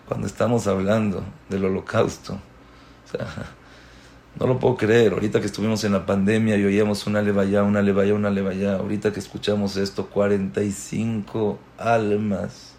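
A man's voice: lowish voice, flat delivery, moderate pace, a little mellow, slight background noise. A man giving a sermon, telling stories with emphatic repetition. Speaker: religious speaker.

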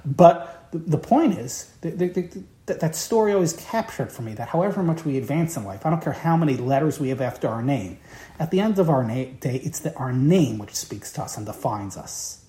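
Giving an evening Torah lecture, a woman Torah teacher speaks with impassioned emphasis and keeps repeating key words. Her voice is deep and dark-toned, animated, and fairly quick. The room around her is roomy and echoey.

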